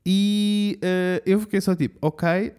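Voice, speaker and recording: A man's voice: high-pitched, steady tone, a little slow, darkish tone, smooth. A man with a European Portuguese accent, co-hosting a casual chat and telling a story, quoting people along the way. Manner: storytelling, quoting people, mixing in English phrases.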